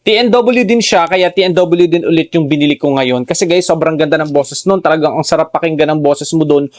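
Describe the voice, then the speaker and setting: A man doing an excited product review vlog, addressing viewers over and over as he shows off a clip-on wireless microphone. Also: a little high, brisk, no room sound. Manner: excited, repeats "mga guys" often. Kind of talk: enthusiastic unboxing vlog. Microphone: clip-on wireless lapel mic.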